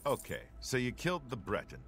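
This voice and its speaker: An actor playing a gruff middle-aged gladiator trainer in a fantasy video game, giving tough, condescending coaching. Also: male voice, mid-range voice, wildly swooping pitch, brisk, a bit bright. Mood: gruff, stern. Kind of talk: video game character dialogue.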